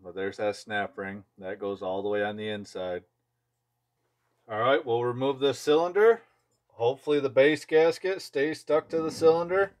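A chainsaw mechanic and video host talks at a normal speed in a medium-pitched, slightly mellow voice, casually tossing out short phrases as he works through a hands-on demo at an indoor workshop bench. Tool clicks and background noise are heard on a clear recording.

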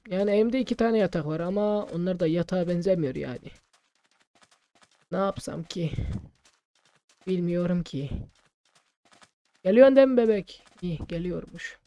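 A man gaming and role-playing, muttering to himself with quick exclamations in casual let's play commentary. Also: high-pitched, mellow, dry recording, lo-fi sound.

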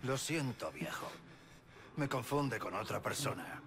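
A man's voice: mid-range voice, lively intonation, a little slow. An actor dubbing a hardened male soldier hero in a video game, speaking in a terse, matter-of-fact way. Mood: grim. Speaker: game protagonist. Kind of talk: dubbed video game voice acting. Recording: noisy game audio.

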